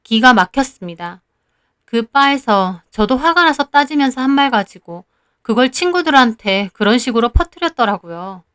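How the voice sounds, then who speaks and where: A woman narrating a dramatic first-person story in an expressive, recounting manner. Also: a little high, normal speed, clean tone.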